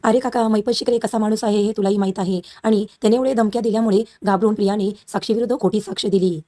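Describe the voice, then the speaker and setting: A woman's voice: medium pitch, steady tone, fast, mellow, natural voice. Woman voicing an earnest young husband. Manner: pleading, earnest. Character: young man defending his wife.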